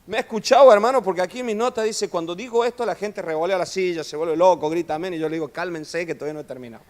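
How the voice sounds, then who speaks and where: A man preaching a sermon in a church hall, animated and joking with his listeners, often calling them brother. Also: high-pitched, fast talker. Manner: animated preaching, constantly saying "hermano", jokes with the audience. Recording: long reverb of a church hall.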